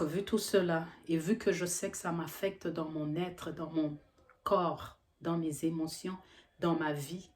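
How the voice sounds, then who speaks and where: A middle-aged woman from Congo with a low, deep voice speaks earnestly to the camera as a health professional. She talks steadily but often pauses to search for words. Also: a little mellow. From Democratic Republic of the Congo. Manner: earnest, with frequent hesitations. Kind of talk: earnest educational monologue.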